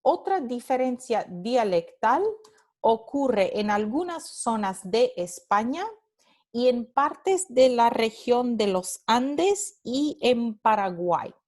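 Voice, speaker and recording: Woman teacher doing a phonetics lesson, slow n careful, says the example sounds over and over. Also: on the high side, animated. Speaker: language teacher. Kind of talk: recorded phonetics lecture.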